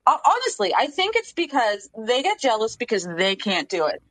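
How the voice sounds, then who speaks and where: A woman's voice: fairly high pitch, normal speed, low-quality recording. A woman wrestling journalist on a podcast panel, talking in a casual, emphatic way and repeating her points. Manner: emphatic and animated, repeats herself.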